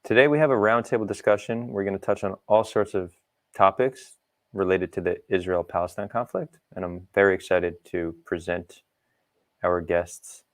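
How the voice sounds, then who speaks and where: A man with a fairly low voice hosts an online roundtable over a video call. His delivery is brisk and upbeat, with a few fillers between announcements. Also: steady tone. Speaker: host. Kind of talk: moderating an online panel.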